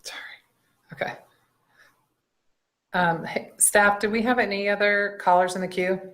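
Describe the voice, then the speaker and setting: A woman's voice: mid-range voice, fairly even intonation, measured pace, fairly bright tone. A woman mayor chairing a council meeting, procedural and a little hesitant.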